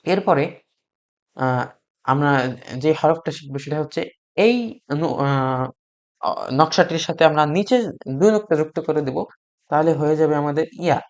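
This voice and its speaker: Man, teacher, beginner reading lesson, patient, slow repetitions, hesitant fillers. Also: a little high, darkish tone. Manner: patient, repeats sounds slowly for learners to copy. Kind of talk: beginner lesson on Arabic letters.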